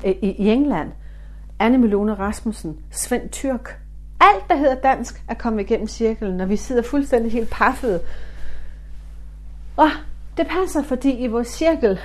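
Animated Danish woman telling a story. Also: on the high side. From Denmark. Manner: animated, acting out dialogue in different voices. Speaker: spiritualist medium. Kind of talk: storytelling talk.

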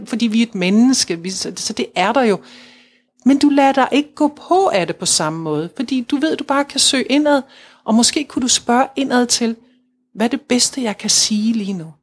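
A woman's voice: a little high, expressive. A woman talking casually about spirituality, earnest and coaxing, repeating her points and acting out inner voices. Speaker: spiritual guide.

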